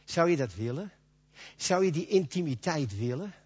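Lively high-voiced man preaching. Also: normal speed, husky. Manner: folksy, conversational preaching with acted-out quotes. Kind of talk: sermon. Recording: dull lo-fi recording.

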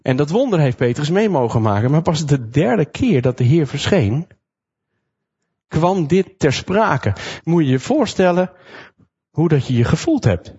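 Male preacher, fairly high voice, vivid storyteller who acts out quotes; slightly dull recording. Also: unhurried, breathy edge. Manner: lively storytelling, acting out quotes. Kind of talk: sermon retelling a Bible passage.

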